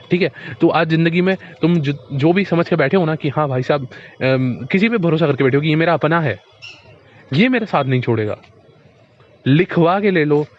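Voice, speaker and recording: A man delivers a motivational monologue in a casual, direct manner, speaking to the listener as a friend and circling back over his points. His voice sits a little high. The recording is dull and lo-fi.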